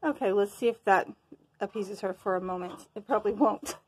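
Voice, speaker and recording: A woman's voice: medium pitch, a little fast, darkish tone, slight background noise. A woman talking casually to her viewers in a crafting show-and-tell, a bit winded and rambling, losing her train of thought now and then. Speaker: crafting vlogger.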